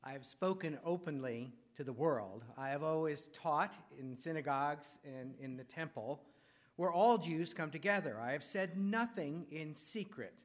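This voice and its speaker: A man reading the part of Jesus, calm and grown, in a church scripture reading with a measured, plain voice. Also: fairly high pitch. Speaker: scripture reader.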